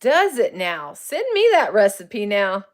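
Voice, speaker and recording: With a medium pitch, huge pitch swings and a slightly slow delivery, this psychic medium in her forties chats with livestream viewers about their comments. She's a paranormal streamer who laughs often, says hello to people by name and speaks in colloquial grammar.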